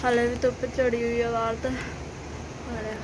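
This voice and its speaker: Animated high-voiced Punjabi woman, noisy recording. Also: fast. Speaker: vlogger. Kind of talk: casual home vlog chat. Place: at home, moving between rooms. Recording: noisy handheld home recording.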